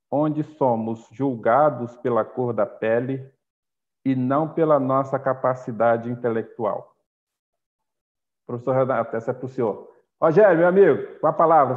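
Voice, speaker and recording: Courteous male moderator on a tinny line. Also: mid-range voice. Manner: courteous, hands the floor to each speaker. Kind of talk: live-streamed panel moderation. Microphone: video call.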